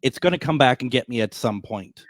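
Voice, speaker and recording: A man's voice: medium pitch, lively intonation, a little fast, no echo, faint music behind. Man in his fifties hosting radio, rambling and jokey, dry close sound. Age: 50s. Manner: rambling, many restarts, jokey. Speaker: radio show host. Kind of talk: casual interview chat.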